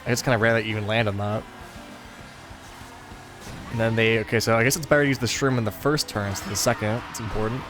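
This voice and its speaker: A young gaming video host chats casually while playing a racing game, telling a rambling, laid-back story loaded with fillers. His voice is fairly low with fairly even intonation, and he talks quickly with frequent pauses over background music.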